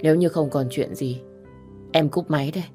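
A defiant young woman, read by a woman narrator in an audio story, curt and guarded. The voice sits low, with faint music in the background. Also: a little fast, warm tone, close to an everyday voice. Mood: cold.

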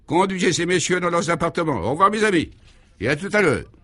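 A genial, chuckling colonial governor who patiently explains absurd things, as a man puts him on. He speaks a bit higher and fuller than a plain voice. It is comic radio serial acting. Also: sing-song, quick pace, a bit bright, heavily acted.

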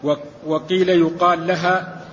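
Student reader, male, measured recitation, faint hiss behind, hall reverb. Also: high-pitched. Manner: steady measured recitation of the text. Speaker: student reading the text aloud. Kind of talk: reading a classical commentary aloud. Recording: dull recording with long hall reverb.

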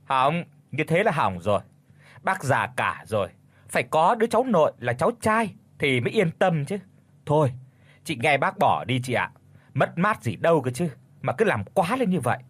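A man's voice: fairly high pitch, sing-song, normal speed, fairly bright tone, husky, dry recording, exaggerated voice. Sneering young female cousin, voiced by a male narrator, mocking, in a dry storybook read.

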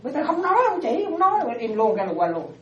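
A woman Buddhist teacher giving an animated dharma talk to lay followers, often checking that they follow. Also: fairly high pitch, very fast. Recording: roomy, distant, dull lo-fi sound.

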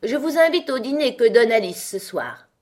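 A bossy storybook queen, high and shrill, firing off curt questions and scolding at every turn, as a woman reading an audiobook puts her on. Her pitch jumps about widely and the voice has a husky edge. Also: lively intonation, normal speed, a little mellow. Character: bossy stern queen, sharp and lecturing.

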